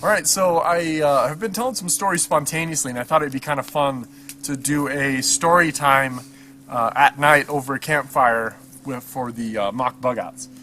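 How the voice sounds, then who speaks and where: A man's voice: medium pitch, normal speed, slight background noise. A man hosting a camping vlog, telling a story by the fire in a casual, chatty way outdoors at a winter campsite. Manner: chatty, animated when telling stories. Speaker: channel host.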